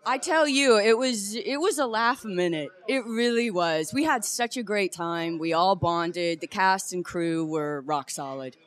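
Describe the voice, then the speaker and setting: A woman's voice: mid-range voice, animated, measured pace, few pauses. A woman being interviewed as an actress on a premiere red carpet, talking in a gushing, emphatic way.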